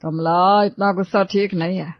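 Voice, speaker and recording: A woman voicing a calm older father-in-law who soothes a family quarrel in a cartoon story. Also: normal speed, no echo, close to an everyday voice. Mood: soothing. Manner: low and soothing. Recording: dull lo-fi dry recording.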